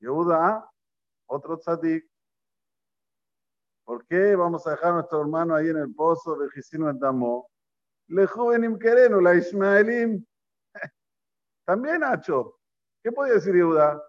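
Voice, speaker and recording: A fairly high-voiced man delivers a lively Torah sermon. He fires rhetorical questions at his listeners and hammers points home through repetition. The recording sounds slightly dull and lo-fi. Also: measured pace, pauses often. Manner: animated, fires rhetorical questions, repeats phrases for emphasis. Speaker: rabbi teaching.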